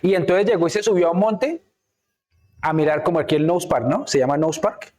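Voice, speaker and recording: Higher-pitched male preacher, lively sermon. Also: a little fast. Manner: frequent rhetorical checks with the congregation; acts out biblical characters' words. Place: church in Canada.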